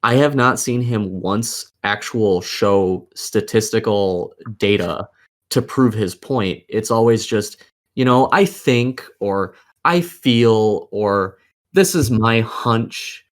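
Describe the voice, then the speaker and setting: A man with a lowish voice speaks slowly while hosting a casual gaming podcast. He's opinionated and swears freely as he talks.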